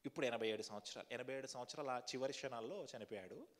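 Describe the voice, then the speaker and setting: A man's voice: mid-range voice, racing, big-room sound. A man pastor preaching a sermon, asking the congregation questions and leading a fervent prayer. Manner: repetitive fervent prayer cadence. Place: church hall.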